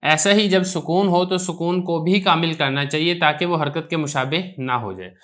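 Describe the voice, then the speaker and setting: A man with a Pakistani Urdu accent gives a Quran recitation lesson, speaking in a fairly high voice. He explains each rule patiently and goes over it more than once. He recites example words slowly and clearly to show how they should sound. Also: a bit bright. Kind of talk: tajweed lesson explaining a text.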